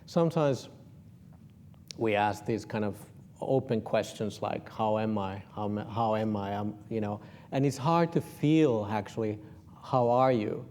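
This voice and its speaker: A man from Finland, a Buddhist monk, uses a lowish voice and a Finnish accent as he guides a meditation. His approach is casual and playfully gentle, with soft, slow phrasing and slight background noise.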